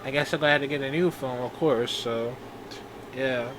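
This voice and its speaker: A man in his twenties talking in a personal video diary, halting and rambling with many restarts. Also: mid-range voice, fairly even intonation, a bit bright, a little hiss or hum, poor audio. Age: 20s. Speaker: vlogger.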